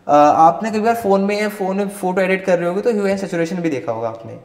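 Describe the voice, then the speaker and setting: A man's voice: high voice, expressive, fairly quick, darkish tone. A man teaching a live online class. He mixes Hindi and English and keeps checking in with "right?". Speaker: Photoshop instructor. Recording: roomy echoey long reverb.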